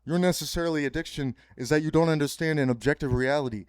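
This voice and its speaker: On his solo podcast, a fast-talking man with a slightly high, clear, resonant voice goes on a rambling, self-important, pseudo-philosophical monologue that keeps repeating itself in circles and bursts into profanity without warning. The recording is dry and studio quality.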